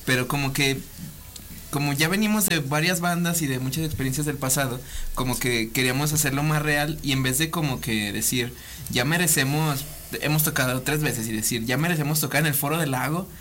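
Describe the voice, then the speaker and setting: A man in his thirties with a Mexican Spanish accent, a band member talking in a relaxed, rambling way. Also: mid-range voice, fairly quick. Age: 30s. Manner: relaxed, rambling, many fillers. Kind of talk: casual interview.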